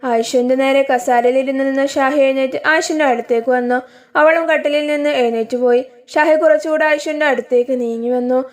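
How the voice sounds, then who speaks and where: A woman narrating a scripted story in a calm, even way. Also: high-pitched, fairly quick.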